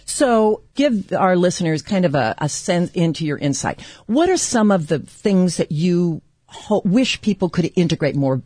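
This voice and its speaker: Woman radio host, chatty and warm on air, animated delivery, close dry mic. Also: fairly low pitch, moderate pace, breathy edge, no room sound. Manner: upbeat, chatty, laughs easily. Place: radio studio.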